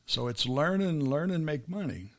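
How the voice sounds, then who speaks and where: With a somewhat high, animated voice at a normal pace, this middle-aged man from the United States hosts a podcast interview, posing rambling questions and often starting over.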